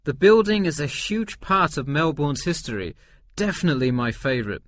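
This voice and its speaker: There's a faint hiss or hum behind this man's slightly high, very animated voice, which moves at a normal pace. He acts the part of a laid-back middle-aged tourist, forty-one, responding to a survey with agreeable, explanatory answers in a scripted listening-test dialogue.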